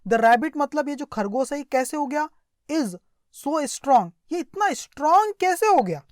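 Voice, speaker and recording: An English teacher with an Indian accent gives a line-by-line story lesson, translating, explaining words, repeating herself, asking little check questions, and reading sentences out slowly. Her voice sits high and animated, with no echo and studio-quality sound.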